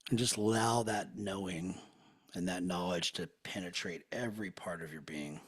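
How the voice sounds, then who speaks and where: A man leading a guided hypnosis session in a slow, soothing, hushed manner. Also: low-pitched, husky.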